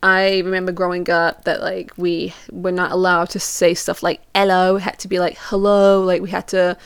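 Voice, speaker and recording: In a studio-quality, clean recording with no room sound, a young woman speaks at a moderate pace with a fairly low pitch, flat delivery and vocal fry. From Portugal and England, she chats informally through personal stories, sprinkling in "like" and acting out quoted questions.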